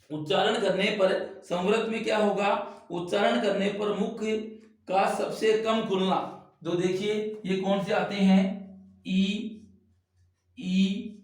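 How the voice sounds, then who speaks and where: High-voiced male teacher in an echoey room. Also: distant mic. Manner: demonstrative, repeats and stretches vowels, instructive. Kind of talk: classroom lesson demonstrating vowel sounds. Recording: very echoey room, voice set back from mic.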